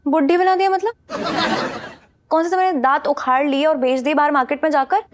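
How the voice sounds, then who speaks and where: A young woman playing a daughter in a TV sitcom, talking quickly and fibbing to cover up. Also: high-pitched, steady tone, no echo, close to an everyday voice. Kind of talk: TV sitcom acting.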